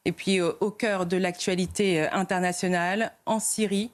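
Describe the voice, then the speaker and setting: A woman's voice: on the low side, fairly even intonation, moderate pace. A woman presenting the economy and world news on a live TV show. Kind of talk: read news bulletin.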